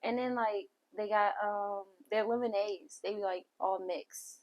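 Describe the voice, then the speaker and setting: A soft-spoken young woman chatting casually as a podcast guest, laughing often. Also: mid-range voice, steady tone, measured pace. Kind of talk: casual chat.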